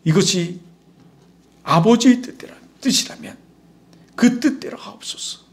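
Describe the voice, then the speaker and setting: A man's voice: high-pitched, expressive, a little slow. A male pastor voicing Jesus as a solemn teacher in earnest prayer and stern rebuke. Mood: anguished prayer.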